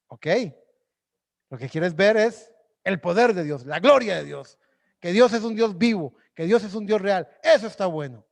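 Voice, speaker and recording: Impassioned high-voiced pastor in a church. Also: male voice, big-room sound. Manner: impassioned, swinging from loud exhortation to hushed prayer. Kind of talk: sermon. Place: church sanctuary.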